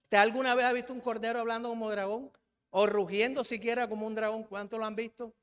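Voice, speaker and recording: A man's voice: extremely high pitch, flat delivery, quick pace, a bit bright, smooth, in a large hall. A Colombian man preaching a sermon in a church, asking the congregation questions and having them call back the answers.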